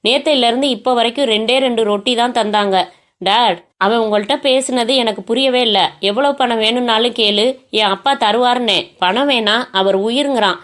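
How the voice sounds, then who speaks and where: A woman's voice: on the high side, normal speed, fairly bright tone, lightly acted. A woman voicing a terrified young woman held captive, who pleads in a panicked way. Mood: panicked pleading.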